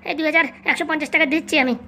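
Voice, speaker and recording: A woman's voice: high voice, fairly even intonation, very fast, pushed and bright. A woman voicing a gullible, stammering male shopkeeper in a comic cartoon, anxious and eager.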